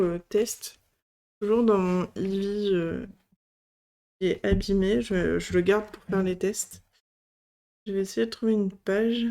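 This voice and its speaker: In a dark-toned, mid-range voice, a craft channel host presents products casually, one after another. She hesitates a lot and leans heavily on filler words.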